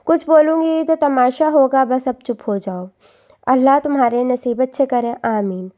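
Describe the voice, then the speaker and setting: A woman voicing a kind, worried middle-aged mother who talks in a gentle, coaxing way. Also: high voice, pitched above the performer's own voice, natural voice.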